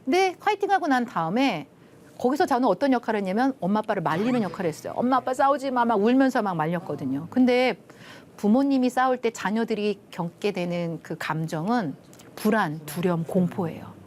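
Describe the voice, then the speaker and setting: A middle-aged woman gives a television lecture, and her pitch rises and falls a lot as she tells her story. She acts out the quoted lines and then softens to a near hush at the tender parts. A faint studio noise sits behind her voice. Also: expressive, fairly quick. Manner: drops to soft hushed tones at tender moments. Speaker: lecturer, love institute director.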